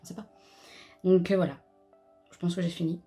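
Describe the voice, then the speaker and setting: Young adult woman, casual reviewer, slangy and offhand, a little low in pitch. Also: level tone, a little fast, dark tone, faint music behind. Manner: chatty and slangy, with frequent fillers, restarts and laughter. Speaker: YouTuber reviewing a TV episode. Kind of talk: casual chat.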